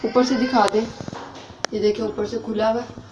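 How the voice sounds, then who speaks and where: A woman's voice: fairly high pitch, flat delivery, normal speed. A woman vlogger gives a chatty home tour, addressing viewers as friends, her voice echoing in an open-roofed space. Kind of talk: casual home tour vlog. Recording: echoey space with faint background hum.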